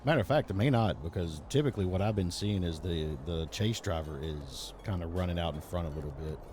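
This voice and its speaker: A man's voice: low voice, fairly quick, background noise. A man, hosting and commentating a live esports racing event in a casual, joking way. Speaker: race event host and commentator.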